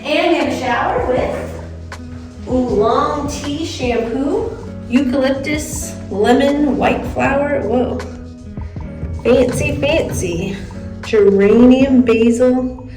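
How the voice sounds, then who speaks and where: A woman in her forties gushing as she shows off a large hotel bathroom, her chatty voice ringing in its loud echo. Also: high voice, slow. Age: 40s. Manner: excited, chatty, gushing over details. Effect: loud echo of a big tiled bathroom. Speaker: vlogger touring a hotel room. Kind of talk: casual vlog room tour. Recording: echoey room, mic at a distance, music under it.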